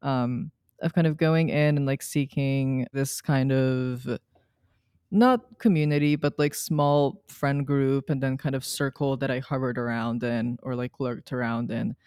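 A young woman from Serbia, a student, talking casually in an interview with many pauses and fillers. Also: a bass voice, steady tone, darkish tone, smooth, dry recording, clean studio sound. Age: young adult. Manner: hesitant, many ums and likes. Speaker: guest, student researcher.

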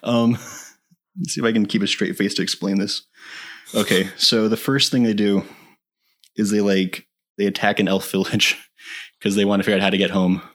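A man co-hosting a podcast, chatting casually and enthusiastically, laughing often and filling pauses with "like" and "uh". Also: on the low side, fairly even intonation, a bit bright. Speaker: podcast co-host. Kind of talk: casual chat.

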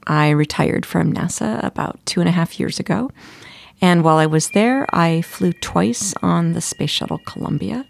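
A woman's voice: on the low side, normal speed, creaky, no echo. A middle-aged woman from Massachusetts, a retired astronaut, telling her story in an enthusiastic, casual way.

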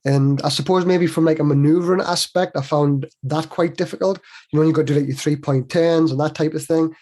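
A man in his forties tells stories as a guest, talking in a loose, rambling way. His voice sits a little high and has a husky grain. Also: steady tone, brisk, a little mellow. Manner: chatty, rambling, with many restarts. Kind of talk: casual conversational storytelling.

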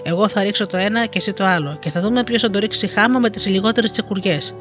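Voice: medium pitch, lightly acted. A storyteller voicing an arrogant young prince in a fairy tale, speaking with scorn, on a dull lo-fi recording with faint music behind. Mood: taunting. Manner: taunting, scornful.

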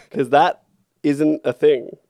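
A man's voice: fairly high pitch, fairly even intonation, extremely slow, vocal fry, dark tone, no room sound, studio quality. An Australian man co-hosting a podcast in casual chat, with blokey, sweary Aussie banter. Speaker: podcast co-host.

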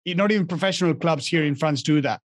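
A man's voice: on the high side, fast talker, no room sound. A young man from Argentina, a guest in a casual interview, speaking with many restarts and fillers. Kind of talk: casual interview over a call.

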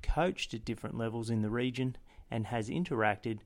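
A man's voice: medium pitch, normal speed. Man hosting a sports podcast. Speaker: podcast host and interviewer. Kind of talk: podcast hosting, scripted intro then interview.

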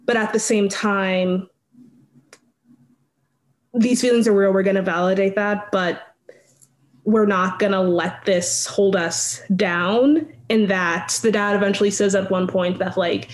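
A young woman guest on a podcast, telling a story in a lively, casual way with lots of fillers and laughter, acting out lines as she goes. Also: mid-range voice, a little slow. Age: young adult. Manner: animated retelling, acts out lines, laughs often, many fillers.

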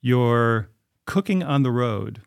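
A man's voice: medium pitch, animated, slow pace, vocal fry, clean tone, dry recording, clean studio sound. A man hosting a podcast, upbeat and enthusiastic while chatting with guests. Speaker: podcast host. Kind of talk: casual interview chat.

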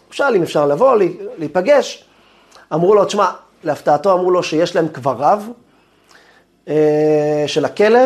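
A man, a rabbi, giving a lesson as an animated, dramatic storyteller. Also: high-pitched.

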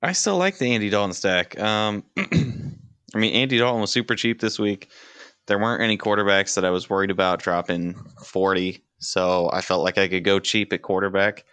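A man's voice: on the low side, moderate pace, a bit bright, clean tone, dry recording. A man co-hosting a podcast, chatting casually about fantasy sports in a laid-back, dry manner. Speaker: podcast co-host.

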